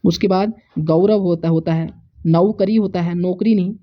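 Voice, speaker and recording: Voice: medium pitch, steady tone, normal speed. Earnest teacher drilling spelling, dull audio. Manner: drilling, repeating each correct and wrong form; earnest, stressing exam importance. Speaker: Hindi teacher. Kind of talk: exam-prep spelling lesson.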